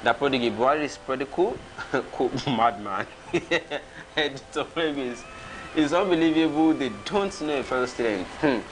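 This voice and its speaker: A Nigerian man in his thirties hosts a casual livestream, reading viewer comments aloud and chuckling and reacting along the way. His medium-pitched voice is animated and moderately paced, with a little hiss or hum underneath.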